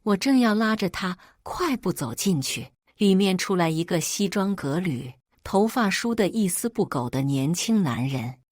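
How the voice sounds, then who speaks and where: Lively low-voiced woman storyteller. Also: normal speed, hardly any pauses, dry recording, studio quality. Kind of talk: first-person story narration.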